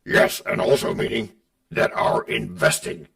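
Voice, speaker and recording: A man's voice: a little slow, fairly bright tone. A middle-aged man hosting a podcast, playfully bantering with himself in a scripted back-and-forth, recorded on a distant mic. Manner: playful, switching between his own voice and a sidekick. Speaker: podcast host.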